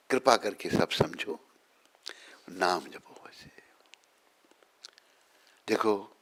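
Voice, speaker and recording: A man's voice: lowish voice, gravelly. A man, a swami, giving a morning sermon, telling stories, chiding listeners and chanting prayers. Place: temple gathering.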